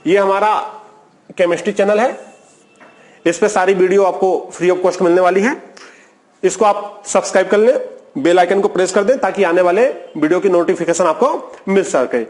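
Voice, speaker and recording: A man teaching a chemistry video lecture, who keeps asking a question and answering it himself in a steady repetitive explaining style. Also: high-pitched. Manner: asks the class a question, then answers it himself.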